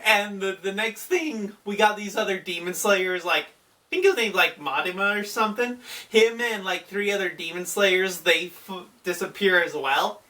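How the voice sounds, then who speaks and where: A man's voice: sits high, measured pace, bright, forceful tone. A man giving an enthusiastic, rambling casual recap of an anime episode on his channel. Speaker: anime YouTuber. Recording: voice distant from the mic.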